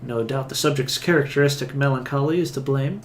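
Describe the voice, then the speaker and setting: A man voicing a fussy, eager woman scholar who speaks in brisk, clinical terms. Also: mid-range voice, a little hiss or hum, close to an everyday voice. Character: eager, fussy female scholar studying souls.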